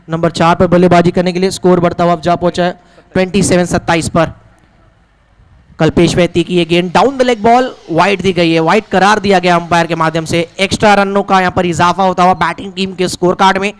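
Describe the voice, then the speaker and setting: A man's voice: high-pitched, smooth. A man with an Indian accent giving live ball-by-ball cricket commentary, calling out scores in both English and Hindi.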